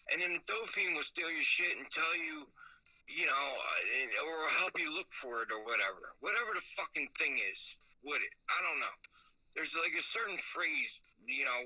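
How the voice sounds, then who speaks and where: A man heard over a phone call, his voice sharp and very bright with a slightly raised pitch. He rambles casually and curses freely, stringing thoughts together with "like" and "bro." The sound is dry, with almost no room around it. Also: no room sound. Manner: rambling, profane, full of "like" and "bro". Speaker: caller.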